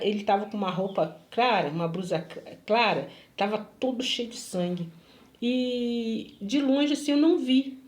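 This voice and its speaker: A woman's voice: fairly high pitch, a little mellow. A woman telling a personal testimony dramatically, speaking straight to her listeners and repeating phrases for effect. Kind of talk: emotional storytelling testimony. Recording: echoey room.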